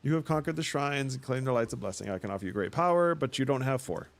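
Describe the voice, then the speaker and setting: A man's voice: mid-range voice, animated, fast. A man hosting a let's play, giving casual, teasing commentary as he plays. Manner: playful, teasing, wry asides.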